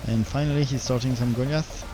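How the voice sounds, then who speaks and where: A man with a French accent, a native French speaker, giving halting live game commentary with a tired voice. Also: mid-range voice, fairly even intonation, music in the background. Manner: halting, repeats words while searching for English. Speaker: game streamer.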